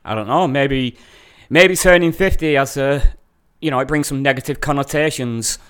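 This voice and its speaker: A man's voice: medium pitch, normal speed, fairly bright tone, clear, resonant tone. Swearing man in his thirties. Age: 30s. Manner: rambling, heavy swearing. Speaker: podcast co-host. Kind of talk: casual podcast chat.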